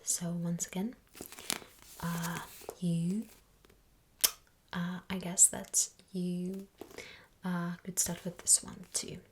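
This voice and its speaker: A woman playing a sassy female librarian in an ASMR role-play, speaking in a soft, breathy library soft voice with halting pauses. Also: on the low side, little pitch movement. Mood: hushed, earnest. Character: sassy, dismissive female librarian recommending books to a visitor. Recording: clear background noise with clicks.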